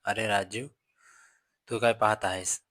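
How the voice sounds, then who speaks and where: A man voicing a teasing, playful neighbourhood aunt in a storytelling reading, keeping his own flat voice. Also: on the low side, a little slow, no echo.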